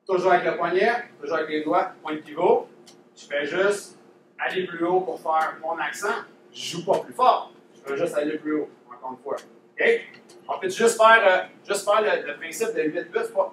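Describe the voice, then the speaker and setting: Man, Quebec French accent, drum teacher, casual and repetitive, slightly high voice, far from mic in a noisy echoey room. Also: moderate pace, fairly bright tone. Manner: casual, demonstrative, repeats key points. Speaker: drumline instructor. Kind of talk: teaching a workshop.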